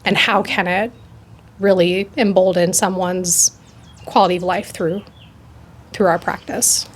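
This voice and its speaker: A young woman in her twenties, a new occupational therapy graduate, talking in a quick, chatty way with lots of "like" and restarts in a casual interview. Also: lowish voice, steady tone, slight background noise.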